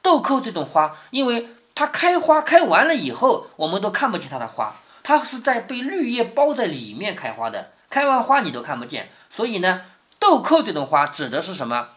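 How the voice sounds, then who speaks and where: A man's voice: high voice, wildly swooping pitch, moderate pace, a bit bright. A man reading a classic novel aloud to his daughter, stopping often to explain it and check that she follows. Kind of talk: storytelling with explanations.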